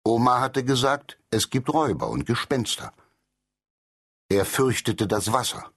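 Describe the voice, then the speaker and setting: A man narrating a children's storybook, telling it in an animated way and doing the characters' voices. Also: mid-range voice, unhurried, breathy edge. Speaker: audiobook narrator.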